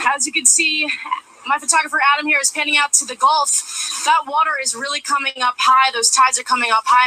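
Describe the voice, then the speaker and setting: A woman's voice: high voice, bright, forceful tone, poor audio. A woman field reporter giving a live storm report outdoors, raising her voice over strong wind. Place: outdoors on a stormy windswept beach front.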